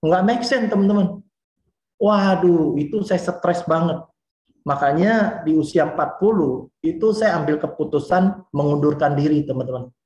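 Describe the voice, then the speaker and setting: Man in his forties, motivational speaker, fairly high voice, lively and chatty, muffled echoey room. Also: moderate pace. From Indonesia. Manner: lively and chatty, often addresses the listeners directly. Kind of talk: motivational talk to an audience.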